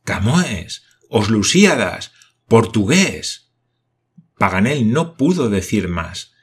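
Husky low-voiced male narrator. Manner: even storytelling reading. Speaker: audiobook narrator. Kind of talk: scripted narration.

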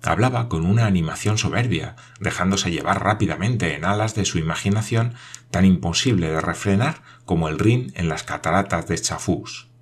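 A man narrating a classic novel as an audiobook, telling the story in a steady, expressive way. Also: sits low, moderate pace, husky.

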